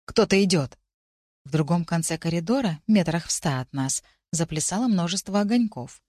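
A woman reads a fantasy novel aloud in the first person, steady and expressive. Her voice sits fairly low, and the recording is dry and close with no room echo. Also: fairly quick. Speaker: audiobook narrator. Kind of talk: scripted first-person narration.

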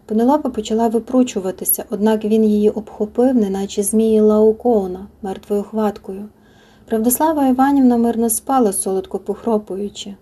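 A woman reads a novel aloud in a soft, intimate audiobook style. Her voice is very dark and mellow with a husky grain, and at times she drops to a near-whisper. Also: mid-range voice, steady tone, fairly quick. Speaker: audiobook narrator. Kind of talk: scripted narration of a novel.

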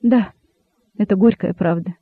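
A man reading an audiobook, voicing a wise, sad old rabbit who speaks calmly and gravely. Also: high-pitched, no room sound. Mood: stern. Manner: calm, grave, measured. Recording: dry, narrow phone-like sound.

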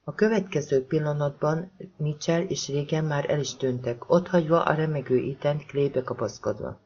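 A man reading an audiobook as narrator, in a lively, expressive way. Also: a little high, dull audio.

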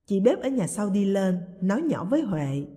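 A woman narrates a novel in a steady, even storytelling voice at a middle pitch. The recording carries a long, hall-like reverb. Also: moderate pace. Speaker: audiobook narrator.

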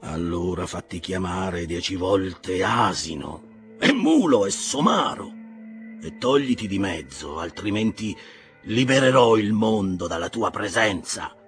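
A man's voice: sits low, fairly even intonation, measured pace, few pauses, fairly bright tone, faint music behind. A man voicing a stern old sea captain who gives cold, contemptuous commands. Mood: menacing.

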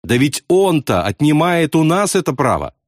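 A man's voice: sing-song, moderate pace, no room sound, studio quality. Man doing a frantic sobbing young pilot. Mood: eager scheming. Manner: pleading, wailing, high-strung.

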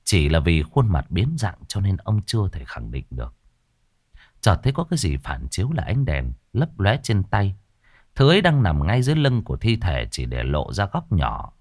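A man reading a ghost story aloud in a dramatic, expressive style. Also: deep voice, moderate pace, no echo, clean studio sound. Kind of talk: scripted horror story narration. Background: faint background music.

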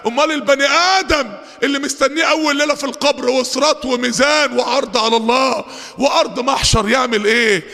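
Fiery Egyptian preacher shouting in a hall. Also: male voice, very high-pitched, fairly even intonation, gravelly. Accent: Egyptian Arabic. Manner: fiery, swinging from fast asides to drawn-out shouted verses. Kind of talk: Friday sermon. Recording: long hall reverb.

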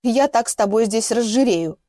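Woman voicing a shrill defiant young captive. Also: expressive, moderate pace, no echo, clean studio sound. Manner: shouting, hysterical outbursts.

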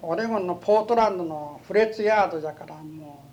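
A man's voice: sits high, fast talker, darkish tone, a little hiss or hum. An elderly man from Japan with a western Japanese accent, telling his life story as an interviewee in a folksy way, often repeating himself. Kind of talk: oral history reminiscence.

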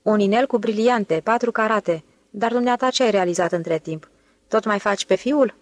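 A woman's voice: mid-range voice, no room sound, close to an everyday voice. A woman doing Ostap Bender, a smug suave con man. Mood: boastful. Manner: lofty, self-assured, condescending.

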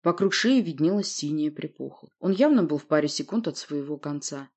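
A woman narrates a fantasy audiobook in a steady, even storytelling manner. Her voice sits fairly low, with a husky grain and a dark, mellow tone. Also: moderate pace. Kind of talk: scripted first-person narration.

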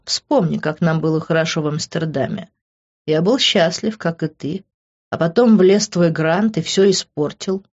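A woman voicing a pushy, possessive young man in an audiobook, in an insistent, smooth-talking manner. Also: deep voice, moderate pace, a little mellow. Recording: dull lo-fi recording.

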